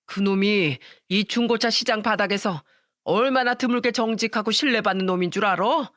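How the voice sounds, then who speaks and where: A woman's voice: mid-range voice, moderate pace, fairly bright tone, no echo, studio quality, natural voice. A woman reading the part of an angry older father-in-law who scolds his son in a raised voice, as in a story reading. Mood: stern lecturing.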